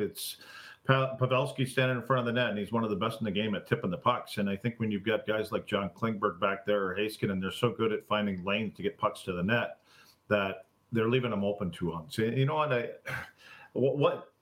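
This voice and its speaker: A man's voice: on the low side, fairly bright tone. A man co-hosting a podcast, giving casual, loosely meandering sports analysis. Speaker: podcast co-host, hockey analyst.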